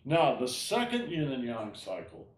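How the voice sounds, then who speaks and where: A man teaching an online tai chi class, explaining gently and often checking in with "all right?". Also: medium pitch, wildly swooping pitch, measured pace. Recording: roomy echo.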